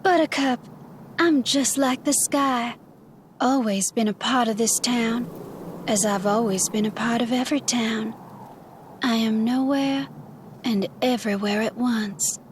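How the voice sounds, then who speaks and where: An actress playing a playful, mysterious all-seeing fortune teller in a video game, with a theatrical, coy, mystical manner. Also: female voice, on the high side, unhurried, slight background noise, natural voice. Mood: knowing, mystical. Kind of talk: video game character acting.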